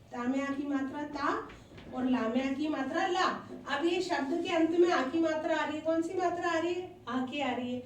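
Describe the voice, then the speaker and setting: A woman teaches a class of small children in a patient, questioning way and repeats the key answers. Her voice sits high, and it sounds a little distant in a room with some echo. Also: a little hiss or hum. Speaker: primary school teacher. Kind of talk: classroom lesson for young children.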